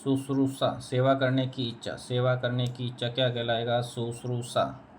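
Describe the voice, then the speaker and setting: A man's voice: medium pitch, completely flat delivery, moderate pace, slight background noise. A man teaching a spelling lesson, repeating each word and answering his own questions. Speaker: Hindi teacher.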